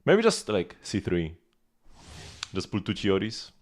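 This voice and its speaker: A male game streamer gives casual, offhand live commentary, thinking aloud as he plays and chatting with viewers over background music. His fairly low voice swings hugely in pitch, and he speaks a little slowly.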